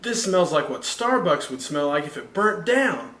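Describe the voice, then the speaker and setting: A man's voice: a little high, very animated, moderate pace, bright, forceful tone. A young man in a homemade comedy sketch, trading wisecracks in a home kitchen. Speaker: sketch co-star. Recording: echoey kitchen with clicks and noise.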